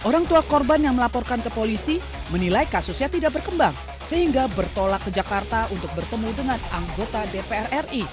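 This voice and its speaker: A woman's voice: on the high side, expressive, fast. A woman reads scripted news narration as a television reporter. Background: music under the voice.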